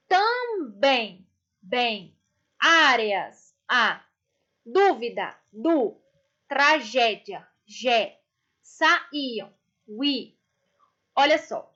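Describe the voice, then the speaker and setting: A Brazilian woman teacher talks to young pupils in a high, slow, patient voice. She draws out her explanations and checks in warmly with the kids. The recording sounds muffled and lo-fi. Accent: Brazilian Portuguese. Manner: affectionate, drawn-out explanations for children. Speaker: primary school teacher. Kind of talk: online class lesson. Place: indoors, construction noise nearby.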